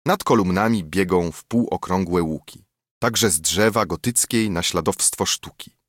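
A man narrates an epic poem in a slow, rhythmic recitation, keeping the rhyme and metre steady. His voice sits on the low side and carries a husky grain. The sound is dry and close, with no room around it. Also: dry recording. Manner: measured, rhythmic poetry recitation. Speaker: audiobook narrator. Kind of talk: reading epic verse aloud.

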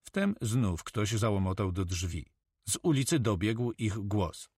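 A man narrating an adventure audiobook in a measured, expressive way on a close mic. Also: fairly low pitch, husky, dry recording.

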